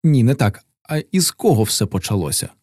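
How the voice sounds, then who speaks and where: A man reading a gentle, thoughtful young woman's lines in an audiobook, lifting his voice slightly. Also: medium pitch, big pitch swings, a little fast, no echo, studio quality.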